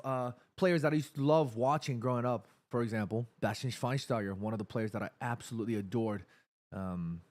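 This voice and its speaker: A man in his thirties hosting a live football watchalong stream, chatting casually, reading viewer messages aloud and getting excited during attacking moves. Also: mid-range voice. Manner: chatty, reads viewer chat aloud between play calls.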